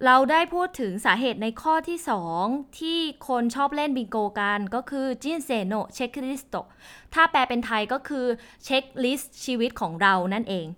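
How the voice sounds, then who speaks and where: Here a young woman hosts a language podcast, walking through each point step by step in a relaxed, conversational tone. Her voice is high and sharp, with lively intonation and an ordinary pace, fitting a casual spoken lesson.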